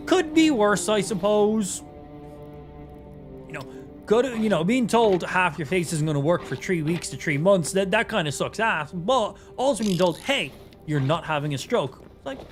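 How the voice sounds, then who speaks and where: A man livestreaming a game with casual, sweary, easygoing chat, his speech slightly impeded as if half his mouth is numb. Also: high-pitched. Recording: music behind the voice. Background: music.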